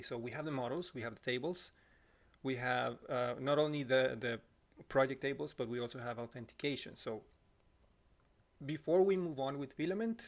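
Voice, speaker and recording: Speaking Costa Rican-accented Spanish-flavored English, this thirty-something livestream instructor walks viewers through live code, typing as he talks, apologizing and self-correcting. He records from a small home room on an arm-mounted boom mic, and his throat sounds a little scratchy.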